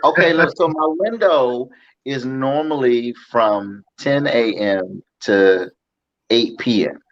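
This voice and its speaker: A man's voice: mid-range voice, slow. A fifty-year-old man hosting a casual chat show, joking and laughing through playful banter. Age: 50s. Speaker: host. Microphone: phone. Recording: dull phone-mic audio.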